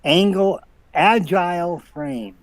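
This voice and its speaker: A man's voice: sits high, slow pace, low-quality recording. A man co-hosting a live show, reading game item stats aloud in a methodical, list-like way.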